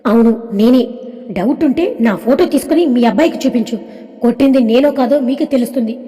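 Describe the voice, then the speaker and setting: A woman's voice: fairly high pitch, fairly quick, dark tone, natural voice. A woman voicing a stern young man who firmly stresses every word as he defends his fiancée. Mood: warning. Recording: long reverb.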